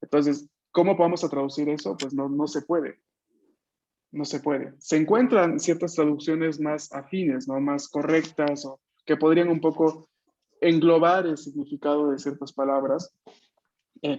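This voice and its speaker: Profesor con audio apagado de videollamada. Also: male voice, on the high side, darkish tone, lo-fi sound. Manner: patient, explanatory, asks students for confirmation. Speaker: Japanese language teacher. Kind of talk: online class explanation. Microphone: video call.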